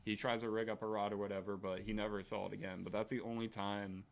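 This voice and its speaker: A man with an American accent chatting casually about fishing, relaxed and agreeable. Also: on the low side, quick pace, creaky. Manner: relaxed, lots of agreeing backchannel.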